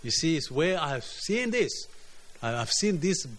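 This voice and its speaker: A man's voice: sing-song, a little slow. Earnest man preaching. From South Sudan. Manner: earnest, repeats words, rises and drops in pitch and loudness. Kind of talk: sermon.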